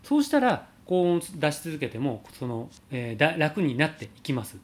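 A man teaching singing, calmly answering a viewer's question about high notes and showing sung slides. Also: normal speed. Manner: explains calmly, demonstrates sliding sung vowels.

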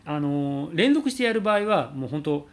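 A man teaching singing, calmly answering a viewer's question about high notes and showing sung slides. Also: moderate pace. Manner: explains calmly, demonstrates sliding sung vowels.

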